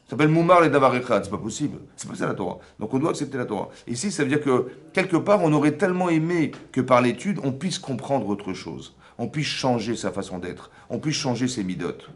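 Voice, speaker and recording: Fast-talking rabbi teaching. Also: male voice, medium pitch. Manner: animated, acts out imagined dialogues with the listeners; conversational, asks listeners for assent. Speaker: rabbi teaching a women's class. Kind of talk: lively Torah lesson.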